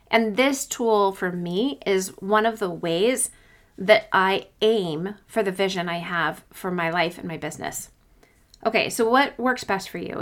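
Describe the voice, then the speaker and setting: A woman's voice: mid-range voice, a bit bright. Encouraging woman podcaster giving informal advice. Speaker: podcast host and coach. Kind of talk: conversational solo podcast coaching talk.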